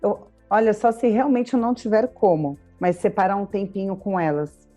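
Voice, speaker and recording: Mellow-voiced Brazilian woman chatting. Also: medium pitch, fairly even intonation, normal speed, dull audio, faint music behind. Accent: Brazilian Portuguese. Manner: chatty, explains with everyday examples and frequent tag questions. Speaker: podcast co-host. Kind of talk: casual chat.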